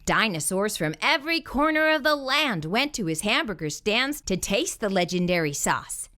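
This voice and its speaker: At normal speed and medium pitch, a woman performs a children's picture book as a storyteller, giving the lines animated, dramatic emphasis.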